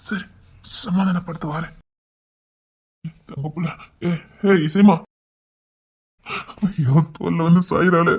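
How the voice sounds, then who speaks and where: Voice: mid-range voice, fairly even intonation, slow, pauses often, husky. A voice actor doing a devoted pleading husband. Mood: pleading, scolding. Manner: pleading, swearing loyalty, scolding loudly. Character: devoted young husband, loud and protective. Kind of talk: Tamil romance audio drama.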